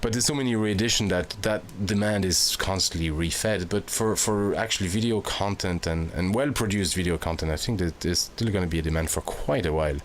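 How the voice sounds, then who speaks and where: Low-voiced man in his forties, reflective. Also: fairly quick, hardly any pauses, slight background noise. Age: 40s. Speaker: podcast host. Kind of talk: casual conversation.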